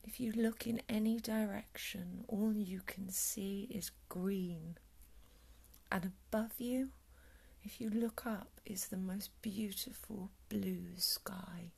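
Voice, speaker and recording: A woman with a soft, calm whisper, guiding a breathing meditation in a soothing ASMR style. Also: mid-range voice, slow pace, vocal fry, slightly rough. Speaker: meditation guide.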